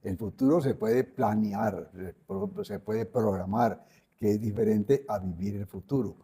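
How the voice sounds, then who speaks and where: A man's voice: lowish voice, unhurried, mellow, slightly rough. An older man speaking as a guest, earnestly teaching and repeating his key phrases. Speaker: guest speaker on spiritual growth. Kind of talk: reflective conversational teaching.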